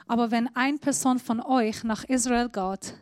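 A woman's voice: on the high side, steady tone, measured pace, a little mellow, no room sound. Iranian woman preaching in German. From Iran. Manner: non-native German with grammar slips, explaining with props. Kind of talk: sermon.

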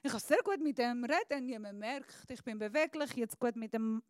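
A woman with a high, bright voice preaches a sermon, speaking slowly and deliberately with pauses. She swings from hushed, soft phrases to loud, emphatic appeals. The handheld microphone sounds close and dry. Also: no echo.

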